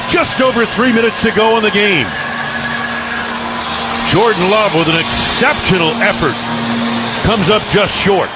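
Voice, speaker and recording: This radio play-by-play announcer has a high-sitting voice and speaks a little slowly, pausing often. Calling a live football game over a noisy stadium feed, he delivers short, punchy phrases that swell with excitement as plays unfold.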